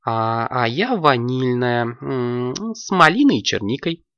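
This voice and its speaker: Reader putting on a bossy, sensible young witch, raised voice, lively and firm. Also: mid-range voice, slow, no room sound, muffled recording, exaggerated voice. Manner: firm, lecturing. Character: sensible, rule-minding young girl wizard.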